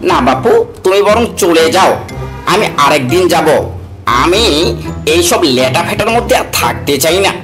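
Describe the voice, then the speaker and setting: A man playing a sly, witty village mullah in a cartoon, talking in an animated, folksy, teasing way. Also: sits high, normal speed, music in the background. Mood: wary, grumbling. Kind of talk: cartoon character acting.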